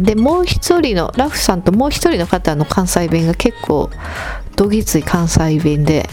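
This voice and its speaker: A woman with a Kansai accent hosts a casual solo podcast, chatting and joking as she reads and answers listener mail. Her voice is fairly low in pitch with a darkish tone.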